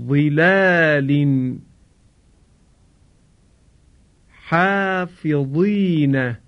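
A man teaching Quran recitation in a formal radio lesson, slowly demonstrating how to pronounce each sound. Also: fairly high pitch. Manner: slow, careful demonstration of sounds; formal and polite. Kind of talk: radio lesson on Arabic pronunciation. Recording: dull lo-fi radio recording.

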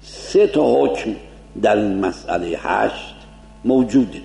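A man teaching a seminary lecture as a cleric, explaining points and slowly demonstrating Arabic pronunciation. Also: fairly low pitch, animated, creaky, warm tone, roomy sound.

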